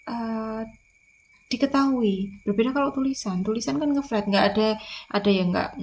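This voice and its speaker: A woman's voice: medium pitch, darkish tone, a little hiss or hum. A woman lecturer, explaining in a recorded online lecture, repeating key points with frequent fillers.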